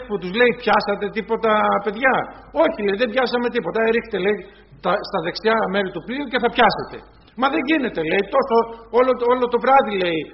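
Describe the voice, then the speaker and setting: A high-pitched man delivers a sermon, often turning to his listeners as brothers and acting out little dialogues as he speaks. The recording sounds dull and lo-fi. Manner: retells scenes in quoted voices, addresses congregation as brothers. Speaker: preacher.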